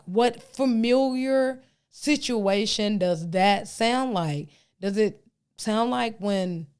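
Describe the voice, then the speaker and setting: A woman's voice: mid-range voice, smooth. A woman from the United States, hosting a podcast and talking through the news in a casual monologue, reading excerpts aloud with her own asides. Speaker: podcast host.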